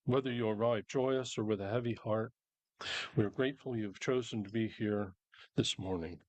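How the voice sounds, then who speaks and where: A man giving a measured, gentle formal welcome at the start of a worship service. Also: lowish voice, dry recording, low-quality recording.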